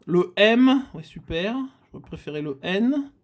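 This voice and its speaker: A man's voice: high voice, lively intonation, slow pace. Man muttering over scratch cards. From France. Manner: mutters, repeats letters aloud, frequent filler sounds. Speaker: scratch-card channel host. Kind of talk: casual running commentary while scratching tickets.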